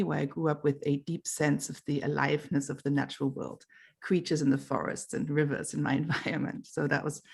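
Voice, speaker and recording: A middle-aged woman talks thoughtfully as a panel guest, pausing now and then to find her words. Her voice has a gravelly edge. She speaks over a video call. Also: sits low. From Germany. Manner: thoughtful, warm, with fillers and pauses. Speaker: guest artist. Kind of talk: panel talk. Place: home.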